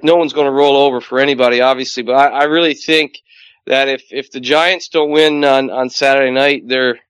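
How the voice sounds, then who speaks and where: Canadian man in quick hockey chat. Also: a little high, fairly bright tone, clean tone, no room sound. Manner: fast, rambling analysis with fillers. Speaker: ice hockey commentator. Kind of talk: casual sports chat.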